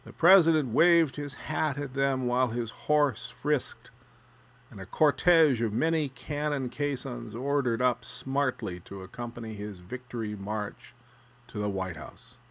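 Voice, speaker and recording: A man narrating a literary story, reading prose aloud with a measured, even delivery. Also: mid-range voice.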